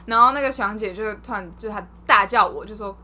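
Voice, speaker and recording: A woman, a guest in a casual chat, retelling stories in a rambling, animated way. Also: mid-range voice, fast talker.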